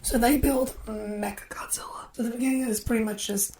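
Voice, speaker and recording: A woman's voice: fairly high pitch, fairly even intonation, brisk, distant mic, heavy background noise. Woman co-host recapping a movie plot. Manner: recaps a plot with playful asides. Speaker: podcast co-host. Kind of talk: casual chat.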